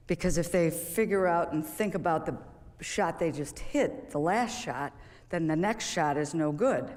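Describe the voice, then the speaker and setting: A woman's voice: deep voice, a little mellow. A woman, a golf coach, giving a motivational stage talk in a conversational, storytelling way, with frequent rhetorical questions. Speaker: public speaker and golf coach. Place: stage in a large auditorium. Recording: long reverb of a large hall.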